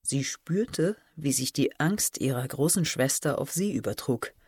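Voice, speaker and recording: A woman reading a suspense novel aloud as narrator, in measured, expressive storytelling. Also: extremely low pitch, slightly rough, no echo, clean studio sound. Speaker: audiobook narrator. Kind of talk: scripted audiobook narration.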